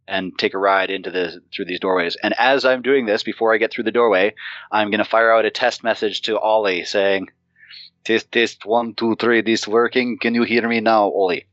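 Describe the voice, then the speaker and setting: A man's voice: deep voice, pushed and bright, no room sound, muffled recording. A man playing a tabletop role-playing game, rambling and thinking aloud with casual swearing. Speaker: player.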